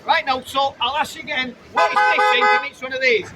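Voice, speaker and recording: A man's voice: very high-pitched, steady tone, brisk. A British man preaching fervently and insistently to passers-by outdoors, pressing them with repeated phrases and rhetorical questions. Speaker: street preacher. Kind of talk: open-air evangelistic preaching to passers-by, with riddles and questions. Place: outdoors on a busy urban street. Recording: noisy busy street with crowd and traffic.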